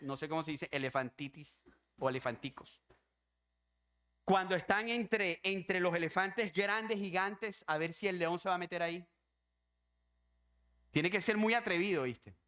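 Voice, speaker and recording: A man's voice: high-pitched, a bit bright, clean tone. A man preaching a sermon as pastor, emphatic and repetitive, driving home his points with rhetorical questions.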